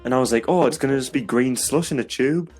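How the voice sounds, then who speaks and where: Faint music sits behind this fast, mid-range young man's voice. Co-hosting a casual podcast chat, he laughs his way through stories and delivers loud acted-out quotes.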